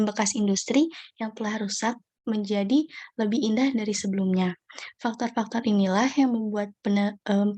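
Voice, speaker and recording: A woman's voice: medium pitch, a little mellow, no echo. A young woman from Indonesia, a student presenter, reading a class presentation steadily and now and then correcting herself. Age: young adult.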